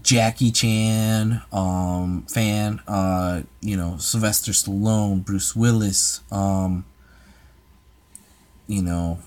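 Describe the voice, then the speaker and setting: Speaking very slowly in a lowish, steady, somewhat dark voice, this American man hosts an ASMR channel. He answers livestream comments in a casual, meandering way, hesitating often and restarting with plenty of fillers.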